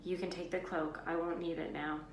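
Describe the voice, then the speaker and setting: A woman's voice: fairly low pitch, level tone, a little fast, lightly acted. A woman voicing a brave, earnest schoolboy hero with a direct manner in a storybook reading. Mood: resolute. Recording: roomy echo, background noise.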